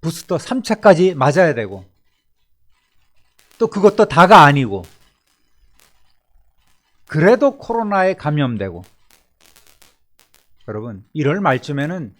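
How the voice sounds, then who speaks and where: Pastor preaching with rising emphasis. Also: male voice. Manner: swings between emphatic rises and soft, low endings. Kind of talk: Sunday sermon. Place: church service.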